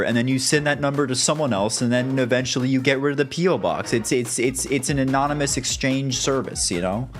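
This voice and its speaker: A young man from the United States rants at his stream chat, tripping over his words and swearing freely. His voice sits at a middling pitch, with faint music playing behind him. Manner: rambling, profane, stammering restarts, ranting.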